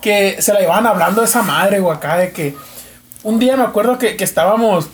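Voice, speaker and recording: A man's voice: high-pitched, quick pace. A man with a Mexican accent telling anecdotes in casual, slangy and profane street talk as a podcast guest. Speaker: podcast co-host, returning guest.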